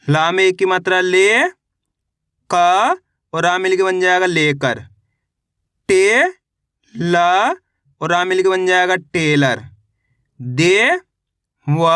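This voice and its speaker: Man, high voice, slow syllable-by-syllable drilling, reading teacher, dry close sound. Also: pushed and bright, clean tone, dry recording. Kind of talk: spelling lesson for beginners.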